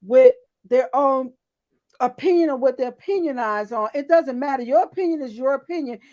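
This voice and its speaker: A woman's voice: sits high, normal speed, mellow, muffled recording. A middle-aged woman co-hosting a casual chat, talking bluntly and emphatically, with lots of agreeing interjections. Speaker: co-host.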